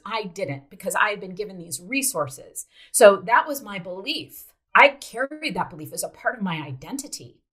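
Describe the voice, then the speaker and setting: A woman's voice: medium pitch, sharp tone. A middle-aged woman from South Dakota telling a personal story in an earnest, reflective way, with hesitant fillers. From South Dakota, United States.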